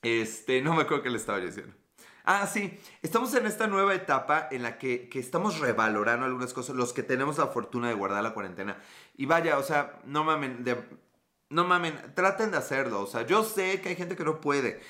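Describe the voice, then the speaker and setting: With a mid-range, sharp-toned voice, a man talks a little fast and animatedly. He's in his thirties, has a Mexican Spanish accent, and hosts a profane, jokey live stream where he reads out viewer comments.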